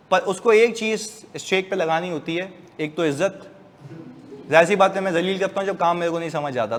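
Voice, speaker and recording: A man, giving a casual, joking lecture to a class of accounting students. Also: a little high. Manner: chatty, joking, lively asides to students. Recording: distant voice in a reverberant room, faint hiss.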